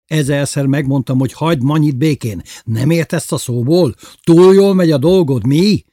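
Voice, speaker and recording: A man voicing a loud, hot-tempered middle-aged man who shouts and scolds. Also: on the high side, sing-song, no echo, studio quality, pitched above the performer's own voice. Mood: furious.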